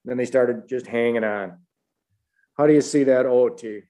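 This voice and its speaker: A man's voice: medium pitch, moderate pace, warm tone. A man hosting football analysis, reeling off stats and ratings in clipped, matter-of-fact phrases. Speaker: football analyst and show host.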